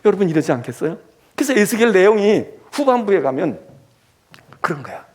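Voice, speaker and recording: A male pastor giving an animated sermon that he teaches through rhetorical questions. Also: high voice, brisk. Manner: animated, acts out scolding and comforting voices; asks the congregation rhetorical questions.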